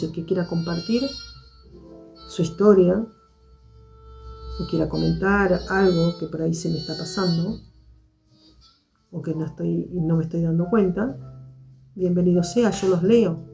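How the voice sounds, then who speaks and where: A woman talks to her live viewers in a low, gravelly, mellow voice. She is measured and reflective and circles back to the same points. Soft instrumental music plays faintly behind her. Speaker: host of a live stream.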